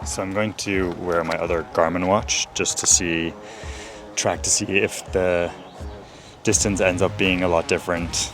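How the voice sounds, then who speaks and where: Mostly outside and over background music, this ultra runner vlogs in a cheerful, off-the-cuff way, voicing his thoughts as he runs. He speaks low with little pitch movement, at a measured pace.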